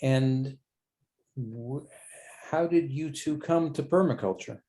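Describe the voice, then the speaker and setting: A man's voice: medium pitch, slow, warm tone. Casting: man in a mid-range voice, friendly questioner running a video call. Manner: curious, encouraging questioner. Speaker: host of the call.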